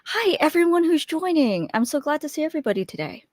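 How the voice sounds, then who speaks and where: A young woman hosts a live webinar, chatting casually into a USB desk mic while waiting for viewers to arrive, friendly and chatty with many fillers and frequent restarts. Her high, sing-song voice is a little mellow and fast, with studio-quality sound and no echo.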